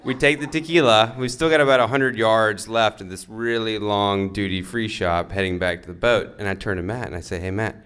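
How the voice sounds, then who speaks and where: A man's voice: lowish voice, a little fast, hardly any pauses, smooth. A young man, the groom's brother, telling a funny story in a wedding toast and laughing along as he goes. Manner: animated storyteller who laughs through his lines.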